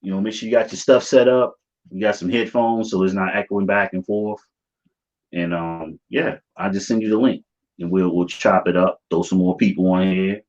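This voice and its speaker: A low male voice with an American accent, coming through slightly dull stream audio. He hosts in a loose, slangy way, talking informally to his viewers as if among friends. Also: steady tone, moderate pace, a little mellow. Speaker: livestream host of a YouTube channel. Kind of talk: casual livestream chat.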